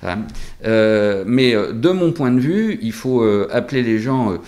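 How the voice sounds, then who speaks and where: A man is interviewed as a local doctor, talking through a face mask. His pitch is average, and he explains carefully, with hesitations and pauses between phrases. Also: lively intonation, darkish tone.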